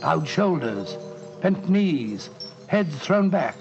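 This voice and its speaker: High-voiced, blustering British Doctor Watson. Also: male voice, very animated, slow, soft background music, heavily acted. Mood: grave narration. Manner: blustering, stammering. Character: blustering, kindly English gentleman doctor, loyal sidekick. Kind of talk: 1940s radio acting. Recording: muffled old radio recording, faint hiss.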